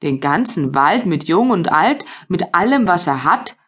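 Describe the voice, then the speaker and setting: A woman voicing a huge, gullible and clumsy male giant in an audiobook fairy tale, grumbling slowly. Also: very animated, slightly rough, exaggerated voice. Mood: grumbling, fearful. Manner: rumbling, slow and grumbling.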